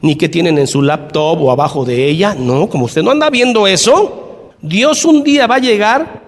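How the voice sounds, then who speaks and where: A man preaching a sermon, animated, shifting between loud emphasis and quiet asides. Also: high-pitched, moderate pace, long reverb tail. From Mexico.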